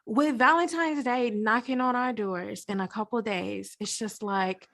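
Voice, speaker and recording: A woman hosting a casual podcast, talking in an animated, slangy way and laughing often. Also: on the high side, moderate pace, vocal fry. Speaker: podcast host.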